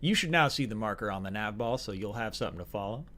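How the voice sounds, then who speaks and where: A folksy, upbeat flight-school instructor talks with a put-on American Southern drawl, as a man reads the game's tutorial aloud. The voice sits fairly low and gives step-by-step instructions with a joking edge. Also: expressive, fast, sharp tone. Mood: instructive. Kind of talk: reading game tutorial text aloud in a put-on voice.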